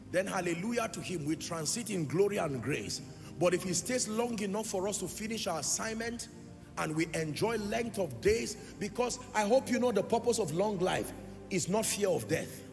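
A man preaching in a large church hall, his high voice carrying a gravelly edge. His phrases swell into a sing-song cadence and jump suddenly louder, and he throws questions back at the congregation. Long reverb trails after each line, with clear music playing underneath. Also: animated, moderate pace. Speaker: pastor. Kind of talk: sermon.

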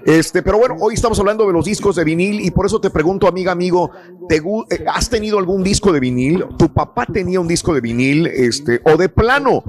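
A man's voice: sits high, lively intonation, a little fast. A man with a Mexican accent hosting a radio show in a conversational, emphatic way, repeating phrases for stress.

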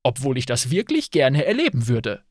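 A man's voice: medium pitch, wildly swooping pitch, moderate pace, no room sound, studio quality. A male narrator voicing a fussy, demanding man who complains and makes wry remarks, in an audiobook. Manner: whiny, complaining.

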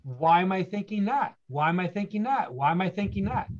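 A man with a high-pitched voice tells his story with earnest, motivational emphasis. He leans on rhetorical questions and repeats key phrases. The recording is dull and lo-fi. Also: expressive, a little fast. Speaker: guest speaker.

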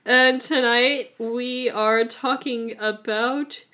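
A woman's voice: fairly high pitch, steady tone, slow pace, sharp tone. Blunt, swearing woman podcast host. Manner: blunt, bossy and profane. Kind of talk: casual chat. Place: at home.

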